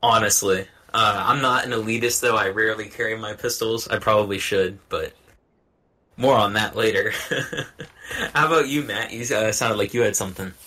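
A man's voice: lowish voice, moderate pace, sharp tone. A man hosting a casual podcast, prompting his guests with questions and upbeat asides. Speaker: podcast host. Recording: dull lo-fi audio.

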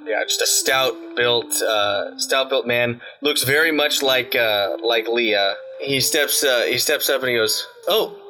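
A man's voice: medium pitch, a little slow, hardly any pauses. A man narrating a tabletop game as game master, rambling with many fillers.

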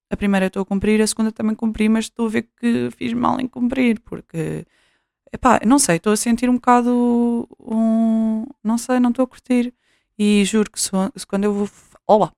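A woman's voice: medium pitch, gravelly, dark tone, dry recording. Chatty young Portuguese woman, dry sound. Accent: European Portuguese. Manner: chatty, scattered, frequent fillers and restarts. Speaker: vlogger. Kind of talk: casual vlog chat. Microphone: new cheap USB mic, placement shifting.

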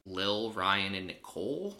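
Very bright, animated man co-hosting a podcast. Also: sits low, unhurried. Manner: speculative, lively, wry quips. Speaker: podcast co-host and editor. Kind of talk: casual recap chat.

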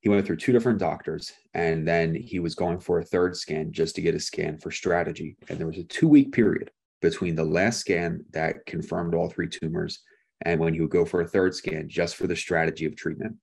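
A man's voice: deep voice, vocal fry, darkish tone, husky. A man preaching a sermon. He speaks casually and tells a personal story, with frequent "like" and restarts. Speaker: pastor.

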